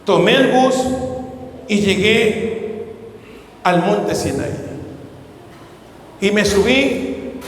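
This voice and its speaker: A man preaching a sermon as a pastor, telling a personal testimony in an animated way and acting out the voices and urgent cries in his story. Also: sits high. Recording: echoey hall.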